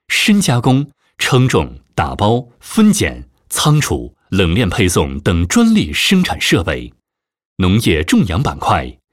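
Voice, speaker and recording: A man reading a scripted corporate promotional voice-over in a formal, steady announcer manner. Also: low-pitched, no echo, studio quality. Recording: voice-over with background music.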